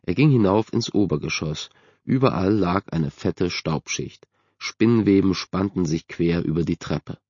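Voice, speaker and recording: A man calmly narrating a spooky youth novel in a measured way, as an audiobook narrator in a dull, dry booth recording. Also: deep voice, husky, no room sound. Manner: calm, measured storytelling.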